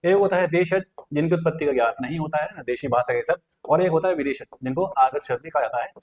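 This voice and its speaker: A male teacher works through exam questions one by one, explaining each answer and checking back with his listeners as he goes. His voice sits a little on the high side. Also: fast talker, darkish tone. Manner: explains step by step with repeated fillers. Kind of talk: exam prep lesson.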